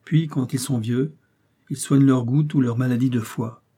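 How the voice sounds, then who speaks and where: Male reader plays a defiant young princess, husky and dark-toned, passionate speeches. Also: medium pitch, steady tone, normal speed, close to an everyday voice. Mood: indignant. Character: proud idealistic young Russian princess.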